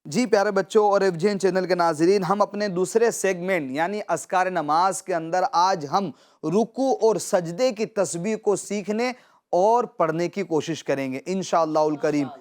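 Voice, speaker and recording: A man's voice: sits high, darkish tone. A man teaching children Quran pronunciation, patiently repeating and drawing out words to model them. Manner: addresses viewers as dear children. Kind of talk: children's tajweed lesson.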